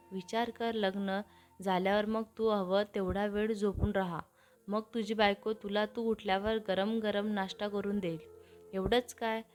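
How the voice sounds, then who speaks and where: A woman's voice: mid-range voice, natural voice. A woman voicing a young man who teasingly coaxes his younger brother out of bed in a storybook reading. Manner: teasing, coaxing.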